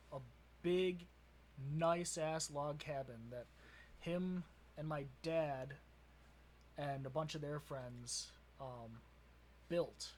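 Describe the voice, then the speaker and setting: A man's voice: on the high side, slight background noise. Giggly young man with a Wisconsin accent. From Wisconsin, USA. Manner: laughs often, rambling and playful. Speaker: podcast co-host. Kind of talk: casual chat.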